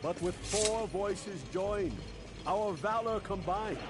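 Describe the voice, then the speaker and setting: A grave old warrior spirit. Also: male voice, high voice, music in the background. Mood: solemn counsel. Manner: solemn, measured and archaic. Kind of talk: video game voice acting.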